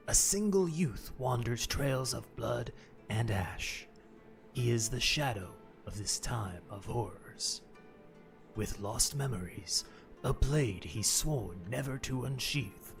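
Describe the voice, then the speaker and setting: A man voicing a dramatic male movie-trailer narrator, speaking slowly and gravely. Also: mid-range voice. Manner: slow, grave, dramatic delivery trailing into a whisper.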